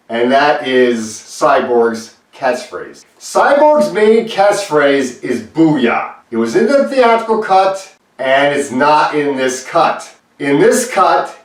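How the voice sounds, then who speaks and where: A man giving a casual movie review, talking in animated bursts of disbelief. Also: fairly high pitch. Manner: animated, exasperated outbursts of disbelief. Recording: roomy and far from the mic.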